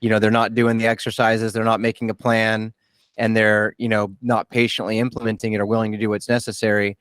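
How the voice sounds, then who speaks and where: A man in his late thirties with a low, smooth, resonant voice, chatting candidly as a podcast host. He talks in a halting, self-deprecating way, circling back and restarting his sentences. The sound is close and dry. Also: completely flat delivery, fairly bright tone, no room sound. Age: 30s. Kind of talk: casual interview chat.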